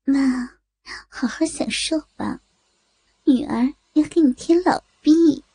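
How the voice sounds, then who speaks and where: A bold, teasing young woman, voiced by the narrator in a storytelling recording. Her voice sits fairly high with a husky, gravelly edge and a dark, mellow tone. She speaks slowly and playfully. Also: no room sound. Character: young adult daughter, saleswoman, bold and teasing.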